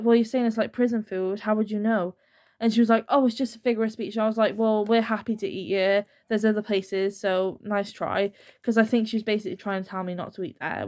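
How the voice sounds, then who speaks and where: A young woman chatting casually to camera, telling stories with lots of fillers and quoting people as she goes. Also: mid-range voice. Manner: chatty, filler-heavy storytelling. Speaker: YouTuber.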